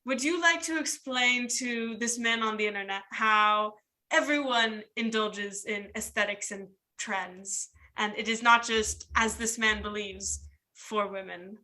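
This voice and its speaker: Woman podcast host, bright and highish, chatty. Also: unhurried. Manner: chatty, scripted segment intros. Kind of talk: casual podcast conversation.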